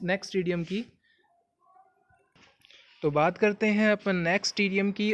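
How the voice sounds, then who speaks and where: A man with a fairly high voice and a Hindi accent, teaching English idioms. He explains patiently, repeats each point, and turns to the viewer with questions. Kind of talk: explaining idioms in a video lesson.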